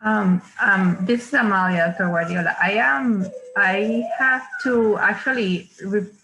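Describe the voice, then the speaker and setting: A woman's voice: medium pitch, unhurried, background noise. A woman from Puerto Rico with a Puerto Rican Spanish accent, a native Spanish speaker, sharing thoughtful conversational remarks in a panel discussion.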